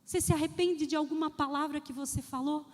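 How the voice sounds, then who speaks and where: A woman pastor giving a lively sermon. She speaks straight to the congregation and acts out the voices in her stories. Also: high-pitched, fast talker. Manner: addresses the congregation directly. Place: church. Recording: long church hall reverb.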